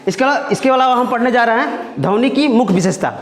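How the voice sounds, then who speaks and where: A man's voice: very high-pitched, lively intonation, fast, slight background noise. A male teacher giving a classroom science lesson, talking conversationally with students, repeating himself and checking in with questions. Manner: conversational, repeats phrases and asks "है ना?" often. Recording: echoey classroom.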